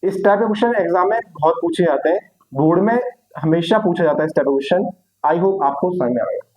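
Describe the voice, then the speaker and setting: Man, maths teacher, high-pitched, repetitive quizzing style, online lecture. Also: quick pace, a little mellow, poor audio. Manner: repetitive question-and-answer, calls students beta.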